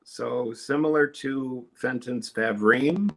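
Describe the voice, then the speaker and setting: Showing off his glass work in a live online sale, this man keeps up a casual, chatty patter about how each piece is made. He talks slowly, with a medium-pitched, creaky voice.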